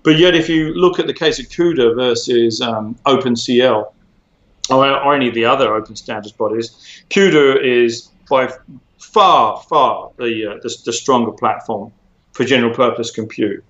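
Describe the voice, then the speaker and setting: A man talks through his answers in a measured, explanatory way, pausing often on ums and restarting phrases. His voice sits at a middling pitch. The recording sounds roomy and a bit dull. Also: fairly bright tone. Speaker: interview guest, former tech executive. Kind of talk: conversational interview.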